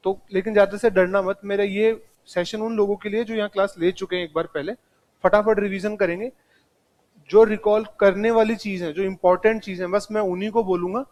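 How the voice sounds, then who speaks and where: High-voiced man teaching a class. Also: darkish tone. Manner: talks straight to students, mixes in English terms. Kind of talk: classroom lecture. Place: classroom with students present.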